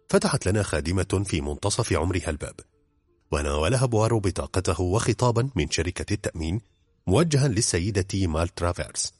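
A male audiobook narrator with a measured storytelling delivery. His voice is very deep and husky, recorded close and dry. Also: darkish tone, no echo.

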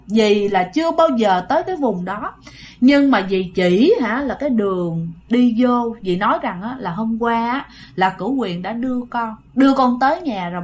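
A woman, chattily narrating a ghost story and addressing listeners directly. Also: a little high.

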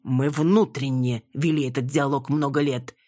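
A woman voicing an easygoing, joking older man, a father, in slow, lowered, amused tones. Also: steady tone, darkish tone, no echo. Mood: wry.

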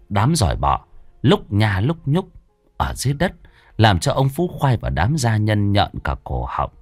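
A man's voice: fairly low pitch, no room sound. A man narrating a scripted horror story in a dramatic manner. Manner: dramatic, lively intonation.

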